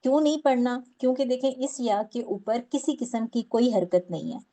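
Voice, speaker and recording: A woman's voice: on the high side, normal speed, dark tone. A woman teaching a recitation class, explaining patiently step by step and drawing out example words.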